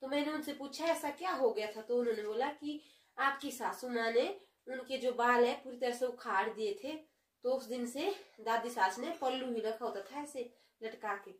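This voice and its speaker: A sly, sharp-tongued young daughter-in-law, put on by a woman, talks with sweet mockery in a high voice. The sound is echoey and roomy. It is a comic sketch. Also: normal speed, lightly acted. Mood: sly mocking. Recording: roomy echo.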